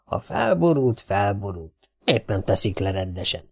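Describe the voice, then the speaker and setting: A man doing a grumpy school caretaker who mutters slowly under his breath. His voice is low, dark and gravelly, grumbling to nobody in particular. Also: big pitch swings, heavily acted.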